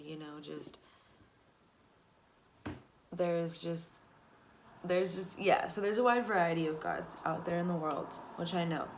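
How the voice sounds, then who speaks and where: A woman hosting her own channel, reading a daily devotional aloud and then reflecting casually, soft-spoken and hesitant with many pauses. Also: on the low side, gravelly, noisy background.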